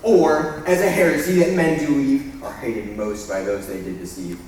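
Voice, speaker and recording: A man's voice: mid-range voice, normal speed, darkish tone, slight background noise, lightly acted. A young man playing an ardent young Athenian lover in a school stage play, delivering verse with playful swoops. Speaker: stage actor. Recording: echoey hall from far off.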